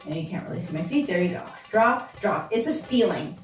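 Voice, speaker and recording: Dance teacher counting steps in a roomy space. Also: female voice, lowish voice, animated, fast, warm tone. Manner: counting steps aloud while dancing. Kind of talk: dance tutorial instruction. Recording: roomy, from a distance, with music.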